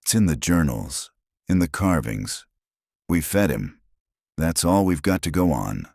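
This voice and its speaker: A man voicing a weary male sheriff with a rough, low, steady voice. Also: measured pace, no room sound, clean studio sound, full character voice. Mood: grim.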